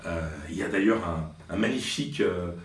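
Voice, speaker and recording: A deep-voiced man in his late forties tells his stories slowly and hesitantly, full of pauses and restarts. He sounds a little distant from the mic in a roomy space, with faint music underneath. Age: 40s. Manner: hesitant, many fillers and restarts. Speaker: sports journalist. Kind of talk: reflective storytelling to camera.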